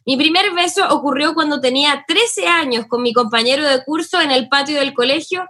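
Woman, Chilean accent, high-pitched, bright forceful voice, chatty host. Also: brisk. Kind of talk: casual chat, reading listener messages.

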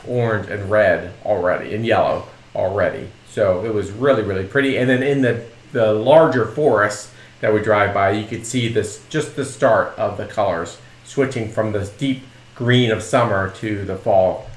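A man's voice: fairly low pitch, moderate pace. Easygoing man hosting a podcast, echoey. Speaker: podcast host. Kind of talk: casual chat. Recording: roomy echo.

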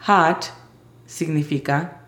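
A woman teaching English vocabulary in Spanish, spelling out each word's sounds slowly and carefully. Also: sits low, steady tone, fairly bright tone, reverberant. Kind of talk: vocabulary lesson.

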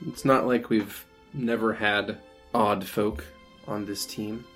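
A woman's voice: a bass voice, steady tone, slow, soft background music. A man playing a proud, blunt female warrior in a tabletop game, with a sardonic, condescending manner.

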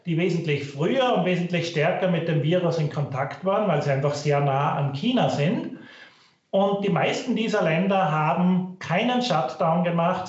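A middle-aged man, a finance professor giving careful, measured expert answers in an interview, heard over low-quality online stream audio. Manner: thoughtful, weighs options carefully. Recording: very echoey, muffled online stream.

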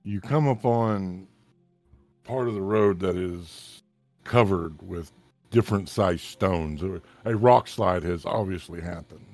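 Deep-voiced man narrating as game master. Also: dry recording, faint music behind. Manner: calm, measured narration.

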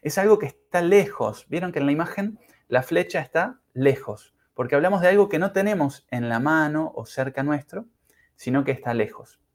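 A man teaching English pronunciation in a podcast lesson, speaking carefully and demonstrating sounds slowly. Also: a little high, lively intonation. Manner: slow, careful, exaggerated pronunciation drills.

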